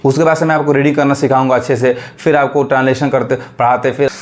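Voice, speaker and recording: A man teaching English phonics to beginners in a Hindi accent, asking questions and repeating each word slowly. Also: mid-range voice, flat delivery.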